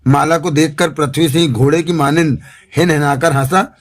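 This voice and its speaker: A man narrating a thriller audiobook in a measured, dramatic way. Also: fairly high pitch, steady tone. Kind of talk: scripted narration.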